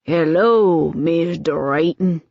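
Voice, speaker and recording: A woman voicing an elderly, refined Southern gentleman with an old Southern accent, speaking slowly and swallowing his R's. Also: sits low, creaky, no echo, exaggerated voice. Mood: courteous. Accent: old Southern American. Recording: dull, dry audiobook recording.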